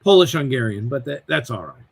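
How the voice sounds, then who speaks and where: A man in his forties telling family stories as a podcast guest, animated and doing voices as he goes, over a video call. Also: mid-range voice, a little fast, vocal fry, slightly rough. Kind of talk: casual storytelling.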